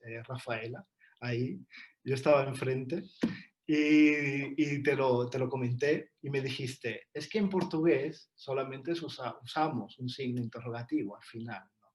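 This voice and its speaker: A man's voice: mid-range voice, slight background noise. A man co-presenting a textbook in an online talk, speaking in a hesitant way with many fillers and restarts over a video call.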